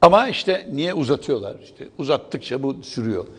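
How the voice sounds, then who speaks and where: A man's voice: mid-range voice, big pitch swings, normal speed, husky. A man giving sarcastic morning news commentary in a TV studio. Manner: sarcastic, mocking.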